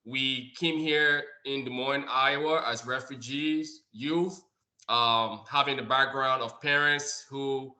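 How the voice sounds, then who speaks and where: Bright-toned man, halting and repetitive. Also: mid-range voice, fairly even intonation. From Liberia. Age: adult. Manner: halting, often repeats words while searching. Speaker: nonprofit co-founder and director. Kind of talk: speaking on an online community call. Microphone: video call.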